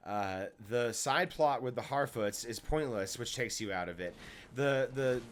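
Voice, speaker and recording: A man's voice: mid-range voice, a little hiss or hum. A man in casual chat while gaming, blunt and cynical, reeling off complaints.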